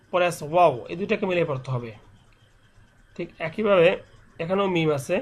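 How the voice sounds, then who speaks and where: A man teaching Quran recitation rules step by step. He patiently repeats each letter and draws out the nasal sounds to demonstrate them. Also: high-pitched.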